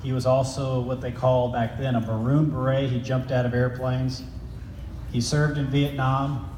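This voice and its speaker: A man's voice: mid-range voice, flat delivery, moderate pace, darkish tone. A middle-aged man, head of a school, giving a friendly chapel talk to students, joking and asking them questions, on a handheld microphone. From grew up in Italy and Germany. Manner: chatty, jokey, asks the kids questions. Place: large school chapel hall. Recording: echoey hall, faint noise.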